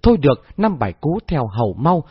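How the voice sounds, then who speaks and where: A man voicing a cunning, mocking female gatekeeper in a husky voice on a dull, dry recording. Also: fairly high pitch, very animated, brisk, no echo, heavily acted. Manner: mocking, cackling. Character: cunning cackling female gatekeeper, wields whip.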